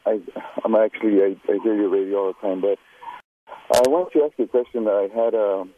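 A man calling in to a radio show over a phone line, asking his question in a hesitant, halting way. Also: lowish voice, steady tone, a little hiss or hum. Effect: heard over a phone line. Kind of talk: call-in question.

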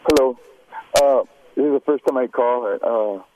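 A man calling in to a radio show over a phone line, asking his question in a hesitant, halting way. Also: mid-range voice, noisy background. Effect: heard over a phone line. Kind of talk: call-in question.

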